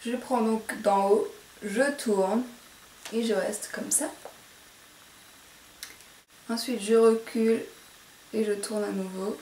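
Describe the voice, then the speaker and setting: A woman's voice: medium pitch, fairly even intonation, slow, pauses often, mellow, a little hiss or hum. A woman with a posh French accent talks through a hair tutorial, hesitating and correcting herself with many fillers. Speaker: beauty vlogger. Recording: echoey room, mic at a distance.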